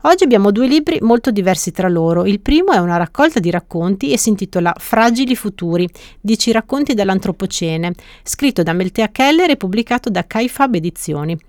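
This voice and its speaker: A woman hosting a book podcast, presenting each book in a brisk, scripted, clearly articulated way. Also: medium pitch, animated, a little mellow, no echo, studio quality.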